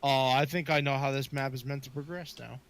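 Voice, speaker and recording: A man's voice: medium pitch, fairly quick. A male player chatting casually and laughing during a tabletop game. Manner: laughy, animated.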